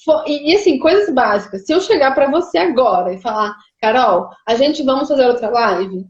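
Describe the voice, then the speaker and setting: A high-voiced woman from Brazil chats in an animated, argumentative way and keeps asking rhetorical questions. Her audio is echoey and a little dull, as if it comes from a remote call. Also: moderate pace. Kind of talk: casual chat.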